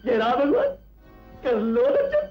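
Squeaky giggly bandit boss, repeats everything, bouncy pitch, old dull film audio with music. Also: male voice, wildly swooping pitch, a little slow, breathy edge, heavily acted. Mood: gleeful menace. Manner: repeats words, giggles, taunts. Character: giggling, childish, cruel male bandit chief. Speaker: bandit leader. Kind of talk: 1970s film acting.

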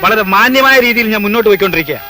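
A man rapidly delivering spoof film dialogue with emphatic force. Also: high voice, expressive, bright, forceful tone, faint music behind. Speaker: mimicry artist.

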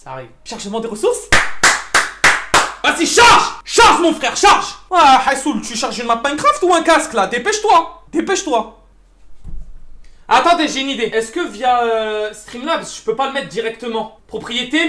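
A tired young man streaming live, chatting in a slangy, excitable way with groaning exclamations. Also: extremely high pitch, normal speed, a little hiss or hum. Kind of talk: casual live-stream chat.

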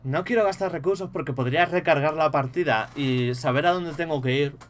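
A man's voice: on the high side, fairly quick, a little hiss or hum. Swearing Spanish gamer man. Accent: Spain Spanish. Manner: swears freely, yelps when startled. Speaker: gaming streamer. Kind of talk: casual gameplay commentary.

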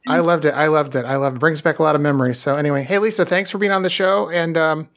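With a voice on the high side and a fairly bright tone, a podcast host keeps a business interview loose and chatty. He comes across as enthusiastic, rambling, and inclined to stretch his phrases out.

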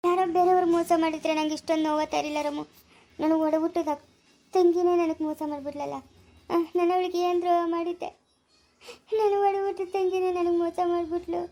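A woman's voice: very high voice, steady tone, quick pace, warm tone. A woman with a Chikkaballapura Kannada accent plays a heartbroken woman who lost her foster daughter, speaking in a tearful, lamenting way in a family short drama. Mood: wounded.

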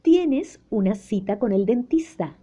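A woman's voice: fairly high pitch, expressive, a little slow, slightly rough, muffled recording. A woman voicing a caring but strict mother of a young boy in a children's story, talking firmly. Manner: firm, scolding, warm.

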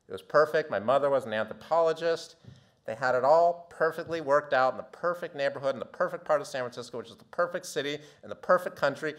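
A man in his fifties from the United States, a doctor telling a theatrical story from his youth in a talk, dropping low and quiet, then building to loud outbursts. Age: 50s. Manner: animated, theatrical, swings from quiet to shouting. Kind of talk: storytelling presentation.

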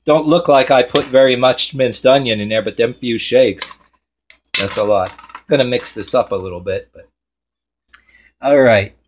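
A man's voice: medium pitch, normal speed, long pauses, a little hiss or hum. A man hosting a home cooking show in his kitchen, rambling and swearing casually to himself as he works.

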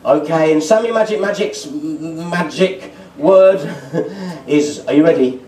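A middle-aged British magician entertains children in a festival marquee, calling out questions with exuberant party patter. His voice sits on the high side, warm in tone and measured in pace. An audience camera far from the stage picks up his amplified voice through the echoey tent PA.

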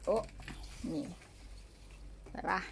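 A woman's voice: very slow, slight background noise. A woman chatting casually on a home live stream, coaxing and baby-talking her pets. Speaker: pet owner streaming live to fans. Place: home condo room.

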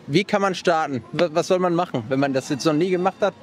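Young male street interviewer, high-ish voice, rapid and blunt, handheld mic outdoors. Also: slight background noise. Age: young adult. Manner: blunt, casual, quick follow-up questions. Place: busy city shopping street outdoors. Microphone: handheld microphone.

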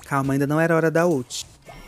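A woman's voice: low-pitched, steady tone, fast talker, soft background music. Campy woman trash-talking. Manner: campy, theatrical trash talk with playful swearing. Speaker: gaming streamer. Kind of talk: live gameplay commentary.

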